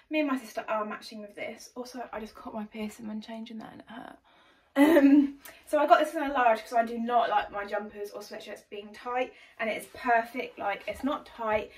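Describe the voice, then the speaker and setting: A bubbly young English woman talks excitedly through a clothing haul, her voice sitting a touch high. She chats fast and casually to the camera, full of energy, from her room under a ring light. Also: rough recording. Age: young adult. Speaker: vlogger.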